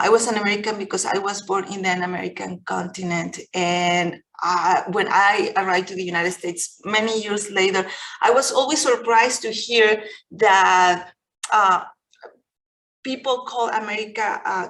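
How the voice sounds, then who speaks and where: A middle-aged Mexican woman, a native Spanish speaker with a Mexican Spanish accent, delivers a reflective public lecture as a guest over a video call. Her mid-range voice holds a steady tone as she speaks gently, pausing and restarting often, and the audio is poor.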